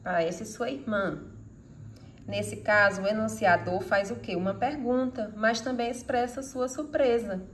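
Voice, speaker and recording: A fairly high-voiced woman with a Brazilian Portuguese accent teaches a recorded grammar lesson. She poses rhetorical questions and answers them herself, reading example sentences with expression. Faint background noise sits under her voice. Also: unhurried.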